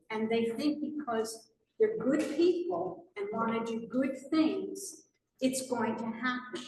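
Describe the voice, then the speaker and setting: An older woman, a former public policy maker, speaking firmly and in a measured, slightly lecturing way during public comment at a town meeting. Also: on the high side, slight background noise. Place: fire department meeting hall. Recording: echoey hall from a distant mic.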